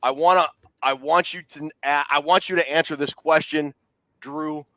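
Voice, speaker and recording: Slightly high-voiced man hosting sports talk. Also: steady tone, a little slow, bright, forceful tone, dry recording. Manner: leads the discussion, teasing and quizzing co-hosts. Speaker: podcast co-host.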